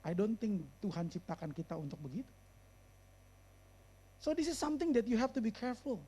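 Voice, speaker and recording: Preaching with a breathy edge and big swings in pitch, a pastor-therapist mixes English phrases into his sermon. Serious moments bring a low, quiet tone, while key points come slower and louder.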